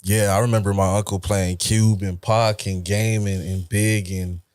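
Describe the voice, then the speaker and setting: A young man from the Los Angeles area, a rapper, telling stories in a relaxed, slangy, profane way in a casual interview. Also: lowish voice, unhurried, dry recording, studio quality. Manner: laid-back, slangy, profane storytelling. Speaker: rapper guest.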